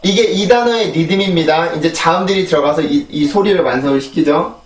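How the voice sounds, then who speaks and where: A man's voice: fairly high pitch, brisk, far from the mic. A man teaching English pronunciation, explaining step by step and drilling words aloud in repeated sets. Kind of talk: online pronunciation lesson. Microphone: shotgun mic on a phone. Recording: roomy echo, voice set back from the mic.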